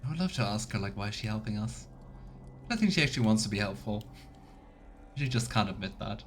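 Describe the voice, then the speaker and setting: Talking fast and sounding animated, a streamer reacts and muses aloud as he plays through a game in casual let's play commentary. His voice sits on the low side, with faint game music behind him and a little hiss or hum.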